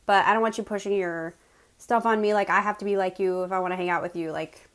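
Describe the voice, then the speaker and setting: A woman's voice: mid-range voice, steady tone, fast talker. American woman chatting casually while eating. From West Virginia, United States. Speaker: mukbang host telling personal stories. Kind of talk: casual chatty storytelling to viewers.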